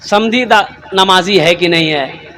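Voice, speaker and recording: A man's voice: sits high, takes it slowly, a little hiss or hum. A male preacher from Kolkata delivering a fiery religious sermon, firing rhetorical questions and hammering points with repetition. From Kolkata, India. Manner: rhetorical questions, emphatic repetition, sometimes shouts. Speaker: Islamic preacher.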